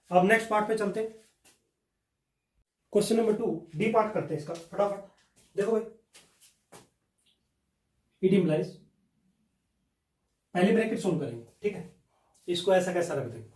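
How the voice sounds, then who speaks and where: High-voiced maths teacher in an echoey room. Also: male voice, a little mellow. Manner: explains step by step, keeps asking and answering his own questions. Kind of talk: blackboard maths lesson. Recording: echoey room, mic at a distance.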